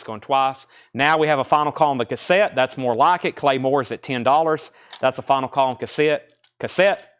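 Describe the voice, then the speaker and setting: A man's voice: medium pitch, a bit bright, clear, resonant tone. A man hosting a live record sale like an auctioneer, calling out items, prices, bids and names in unscripted sales patter.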